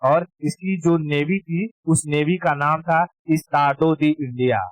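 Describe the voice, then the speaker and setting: Male tutor, slightly high voice, dry close sound, informal and repetitive, drills key terms. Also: fairly even intonation, unhurried, dry recording, muffled recording. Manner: informal, repeats key terms and checks understanding. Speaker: history teacher. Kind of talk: casual exam-prep lecture.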